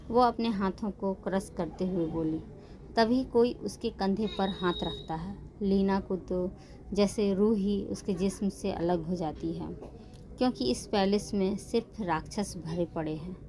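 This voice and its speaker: A woman reading a romance story aloud with steady, even storytelling. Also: mid-range voice, background noise. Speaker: narrator. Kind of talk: scripted narration of a romance story.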